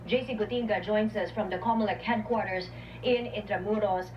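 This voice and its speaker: A woman's voice: medium pitch, fairly even intonation, fairly quick, lo-fi sound. A woman anchoring the news and handing over to reporters in the field. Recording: noisy, distant broadcast sound.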